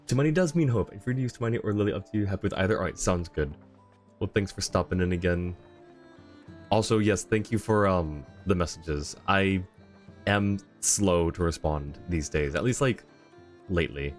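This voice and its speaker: A low-voiced man talks at a normal speed during a game livestream, rambling and thinking out loud as he goes through chat. Video game music plays in the background.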